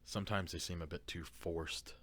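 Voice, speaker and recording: A man co-hosting a podcast in casual chat, reading out dad jokes and laughing loudly at his own puns. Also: deep voice, steady tone, moderate pace. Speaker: podcast co-host.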